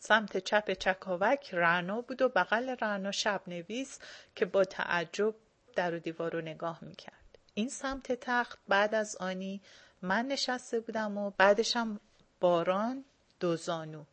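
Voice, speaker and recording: A woman's voice: mid-range voice, fairly bright tone. A woman reading a first-person short story aloud in a casual spoken manner. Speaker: reader.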